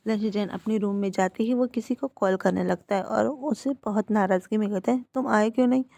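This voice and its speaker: A woman's voice: mid-range voice, fairly quick, vocal fry, dark tone, dry recording. A woman retelling a fan story in a casual, conversational way with filler phrases.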